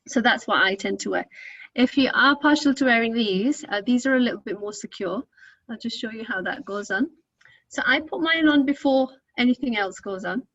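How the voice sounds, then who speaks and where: Woman, Northern English accent, chatty teacher, fairly high voice, dry dull video-call sound. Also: normal speed, a bit bright, dry recording. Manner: chatty, reassuring, many ums and uhs. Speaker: hijab styling teacher. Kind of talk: live online class demonstration.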